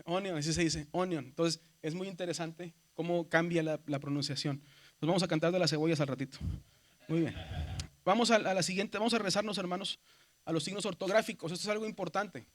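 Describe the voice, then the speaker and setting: A man from Mexico, his voice on the high side with fairly even intonation, teaches a seminary class at a brisk clip. In a Mexican Spanish accent he builds his explanation step by step, keeps checking with "¿verdad?", and calls the students "hermanos."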